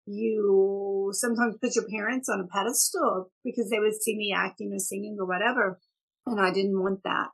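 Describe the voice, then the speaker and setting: A woman's voice: medium pitch, bright, forceful tone, breathy edge, poor audio. A middle-aged woman from Oklahoma, raised in Texas, with a Texan accent lightly polished by British stage work, chatting as an interview guest, talkative and often laughing. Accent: Texan with a slight British stage polish. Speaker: guest author. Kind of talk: casual interview chat.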